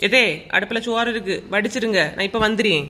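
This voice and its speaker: A woman with a Kanyakumari Tamil accent voicing a bossy young village wife in a cartoon story, her voice set lower than her own. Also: fairly even intonation, a little fast, sharp tone, close to an everyday voice. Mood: brusque.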